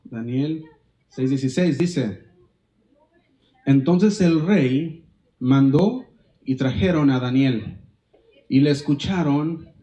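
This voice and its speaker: A man's voice: on the high side, warm tone, rough recording. A male pastor preaching a sermon, reading scripture aloud and stopping to quiz the congregation with questions.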